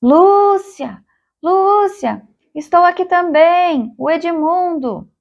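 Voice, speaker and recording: A woman voicing a young boy who calls out anxiously in a cold wood, in high calling shouts. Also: animated, slow pace, creaky, exaggerated voice. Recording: dull lo-fi recording.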